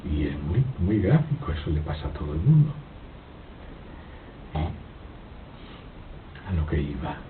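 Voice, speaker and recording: A man giving a slow, reflective philosophical talk, halting and repeating his words, with frequent rhetorical questions. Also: big pitch swings, recorded from a distance. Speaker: spiritual speaker giving a talk. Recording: old lo-fi tape, phone-like, noisy with rumble.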